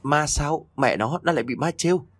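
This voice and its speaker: A man voicing a blunt young farmer who talks gruffly, like an older brother scolding. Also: a little high, normal speed, no room sound, faint music behind, voice pushed up. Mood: tense blunt.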